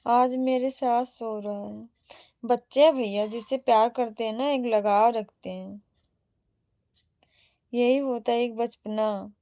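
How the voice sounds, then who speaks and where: Woman streamer, Awadhi accent, higher voice, slow chatty delivery reading comments aloud. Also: steady tone, warm tone, no room sound, studio quality. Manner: chatty, greets and answers viewers one by one. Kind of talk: casual livestream chat.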